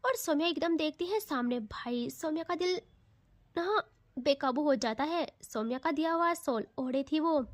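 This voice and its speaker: A woman's voice: high-pitched, no echo. A woman narrating an audio love story close to the mic, dramatic and chatty with casual asides.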